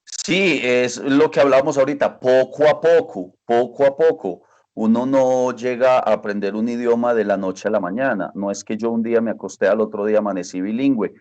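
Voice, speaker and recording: A man's voice: medium pitch, steady tone, fairly quick, hardly any pauses, darkish tone, lo-fi sound. A man answering interview questions as a language teacher, earnest and repeating phrases for emphasis.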